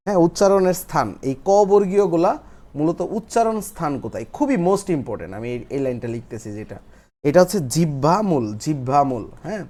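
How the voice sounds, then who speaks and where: A young man gives a recorded class lesson. His voice sits a little high for a man. He repeats each term slowly so students can copy it into their notes. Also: warm tone. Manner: explains step by step, repeats key terms and dictates notes. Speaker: teacher. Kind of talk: recorded online class lecture.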